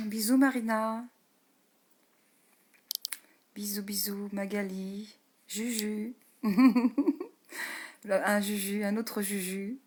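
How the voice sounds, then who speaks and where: A woman energy healer hosting a live stream, greeting viewers by name in a slow, gentle way, often laughing and dropping into soft whispers; she says her voice is low. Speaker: energy healer and meditation host.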